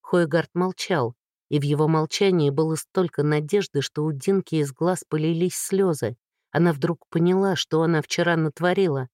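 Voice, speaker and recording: A woman narrating an audiobook, reading at a slow, measured pace. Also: low-pitched, darkish tone, dry recording, clean studio sound. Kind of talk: scripted narration.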